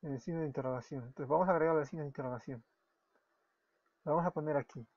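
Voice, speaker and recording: Brief: Peruvian-accented man, fairly high voice, tutorial narration that stops to correct itself, dull lo-fi sound with typing. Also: fast talker, darkish tone, dry recording. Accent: Peruvian Spanish. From Peru. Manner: explains step by step, self-correcting, often apologizing. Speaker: web development tutor. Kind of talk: screen-recorded coding tutorial. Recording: dull lo-fi recording with keyboard typing.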